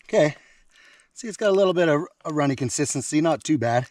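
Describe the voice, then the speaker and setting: Fast-talking and expressive, this Canadian man has a voice on the high side with a darkish tone. He's cooking over a campfire by a lake for a casual vlog, enthusiastic throughout and speaking with his mouth full when he tastes.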